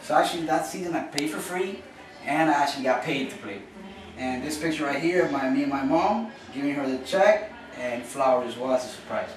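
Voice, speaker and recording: This slightly high male voice moves fairly quickly as a young Cuban college student delivers an earnest, casual classroom speech. He often loops back to repeat or restart phrases. The sound is distant, echoey and noisy.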